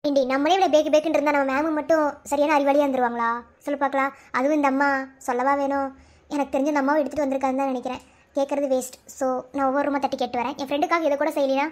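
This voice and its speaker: A woman's voice: sits high, lightly acted. A woman voicing a chatty, bossy young college girl in a cartoon, with a Madurai Tamil accent and a scolding, teasing manner. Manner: scolding, teasing, quick banter. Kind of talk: cartoon voice acting.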